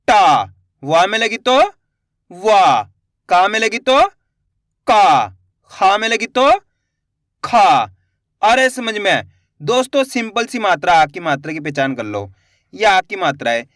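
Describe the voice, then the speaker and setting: A man teaching how to read, sounding out syllables slowly and asking learners to repeat after him. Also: high voice, sharp tone, no room sound, studio quality. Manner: slow drawn-out syllables, asks learners to repeat. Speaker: Hindi reading teacher. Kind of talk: spoken lesson.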